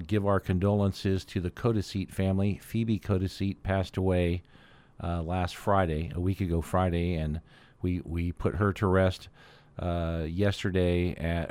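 Male community-news host, deep register, dry sound, deliberate and matter-of-fact semi-formal delivery. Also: darkish tone, no room sound.

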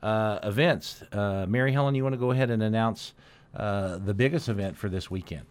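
A man with a fairly low voice hosts a community news update, delivering semi-formal announcements in a deliberate, matter-of-fact manner and pausing often.

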